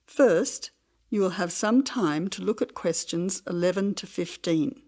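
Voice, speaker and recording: A woman reading scripted test instructions as narrator, formal and neutral with clear enunciation. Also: on the low side, a little slow, darkish tone.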